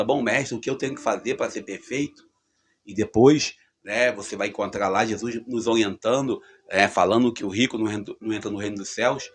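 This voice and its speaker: A man's voice: fairly low pitch, a little hiss or hum. A man giving a conversational gospel reflection, with fillers and emphatic rises. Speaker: preacher.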